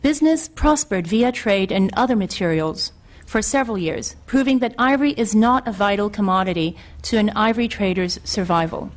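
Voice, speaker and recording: A woman's voice: medium pitch, animated, moderate pace. Earnest middle-aged woman reading formal testimony. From Hong Kong. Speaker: witness testifying at a legislative committee.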